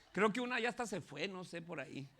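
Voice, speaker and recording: A pastor delivering an animated sermon, often shouting and laughing. His voice is high and bright with a gravelly rasp.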